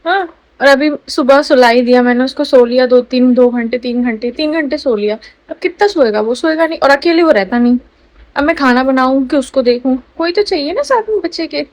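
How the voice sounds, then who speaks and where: A woman's voice: high voice, a little fast. A young woman, a new mother, chatting casually at home in a vlog, confiding and chatty. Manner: chatty, confiding, baby talk.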